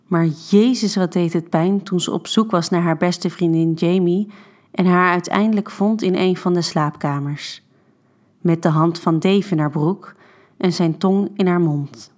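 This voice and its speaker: A woman narrating an erotic short story in a calm, intimate storytelling manner. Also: fairly low pitch.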